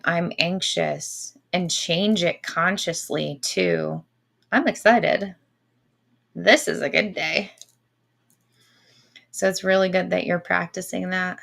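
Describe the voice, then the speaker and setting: Woman, online coach, casual instruction, encouraging, unhurried, noticeable creak. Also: fairly low pitch, fairly bright tone.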